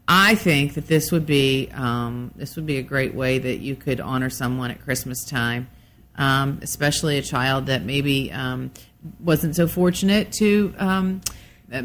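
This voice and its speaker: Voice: mid-range voice, a bit bright. A radio host in a casual on-air interview. Speaks in a mid-range voice, encouraging the guest and asking follow-up questions.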